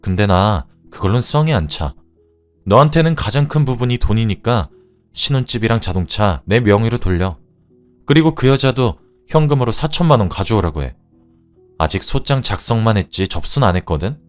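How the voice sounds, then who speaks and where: A man plays a sharp young woman in a storybook drama, cold and cutting, her words clipped and deliberate. The voice sits low but swings widely in tone. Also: lively intonation, soft background music, natural voice. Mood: cold, threatening. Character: sharp, icy young woman civil servant.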